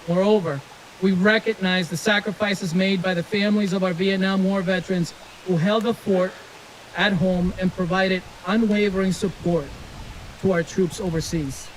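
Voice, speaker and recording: High-pitched man in a military speaking voice. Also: steady tone, moderate pace, rough recording. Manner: loud, projected military delivery. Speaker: city veteran service officer. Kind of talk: formal prepared speech. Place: outdoors at a memorial ceremony, public address. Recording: outdoor recording with faint noise.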